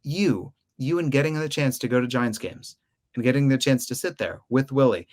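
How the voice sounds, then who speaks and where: A man in a casual podcast conversation, upbeat and quick to agree. He keeps an easygoing, friendly back-and-forth with his guest, with a voice of ordinary middle pitch. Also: darkish tone. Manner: enthusiastic, agreeable. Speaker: podcast host.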